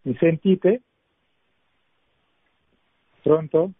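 Male priest calling into a radio show, heard over the phone; husky, tinny line, thoughtful and searching. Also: a little high, extremely slow, no echo. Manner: reflective, searching for words with small restarts. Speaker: parish priest phoning in as guest. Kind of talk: radio call-in testimony.

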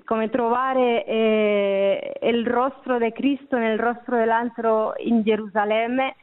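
A woman's voice: on the high side, fairly even intonation, takes it slowly. An Italian-speaking woman gives a reflective personal testimony as a guest, searching for words, in narrow phone-like sound. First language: not Italian. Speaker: interview guest.

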